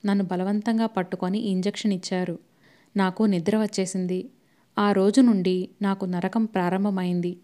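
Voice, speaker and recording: A woman narrating a novel as an audiobook, reading in a steady, even storytelling manner. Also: medium pitch.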